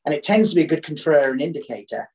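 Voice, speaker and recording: A man with a croaky, coughy throat giving conversational market commentary as a podcast guest, often doubling back and repeating phrases. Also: fairly high pitch, lively intonation, fast, darkish tone.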